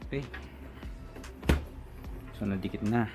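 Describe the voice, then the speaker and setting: A Filipino reviewer with a fairly low voice takes it slowly as he casually unboxes and installs a product. He narrates his hands-on work informally, step by step. Music can be heard in the background.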